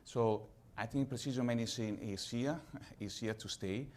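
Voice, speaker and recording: A man from Italy with an Italian accent, speaking on a conference panel as a pharma executive, measured and slightly halting in English. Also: medium pitch, a little hiss or hum.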